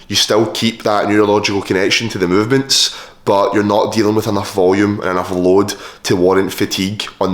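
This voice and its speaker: Echoey, low-voiced man vlogging. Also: fairly bright tone. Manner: informal, sweary, blokey. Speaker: fitness vlogger. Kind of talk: casual vlog chat and gym tips. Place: large echoey indoor kitchen. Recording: echoey room with hard reflections.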